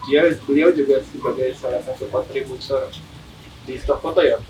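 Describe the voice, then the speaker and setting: A man's voice: medium pitch, steady tone, moderate pace. A man hosting a casual podcast interview, speaking slightly muffled through a face mask. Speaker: podcast host. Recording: distant mic, clearly noisy room.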